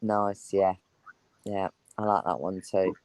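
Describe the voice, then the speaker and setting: A woman's voice: extremely low pitch, fairly even intonation, slow pace, darkish tone, no echo, poor audio. A woman chatting casually as a guest, rambling and enthusiastic. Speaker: guest on an online chat show. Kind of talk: casual chat.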